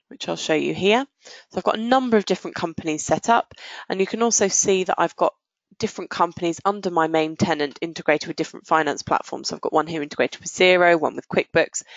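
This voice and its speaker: A woman demonstrates software live, walking through each step of the product in an informal business tone. Her voice is on the low side, and the recording is dry with dull audio.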